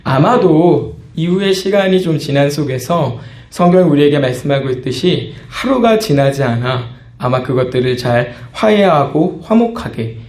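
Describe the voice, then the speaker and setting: A man's voice: a little high, animated, moderate pace, darkish tone, reverberant. A man preaching a sermon as pastor, talking conversationally and acting out small scenes. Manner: conversational preaching, acts out quoted outbursts.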